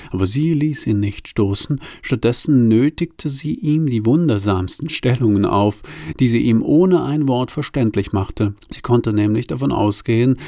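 A man's voice: on the low side, mellow, no echo, clean studio sound. A man reading a novel chapter aloud in a plain, wry delivery. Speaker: narrator. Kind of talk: literary reading.

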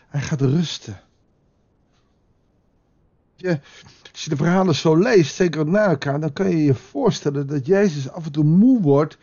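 A man's voice: on the high side, vocal fry, warm tone, dull audio. A man preaching a devotional sermon in a conversational way, now and then acting out quotes with a raised voice. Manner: conversational, with dramatic acted quotes. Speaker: pastor.

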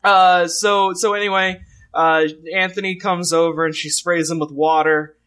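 A man's voice: high voice, flat delivery, moderate pace, pushed and bright, clean tone. A man from Texas co-hosting a podcast, recapping a show with lots of jokes, laughter and restarts. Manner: jokey, laughs often, trails into restarts. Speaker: podcast co-host. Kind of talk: casual comedic recap chat.

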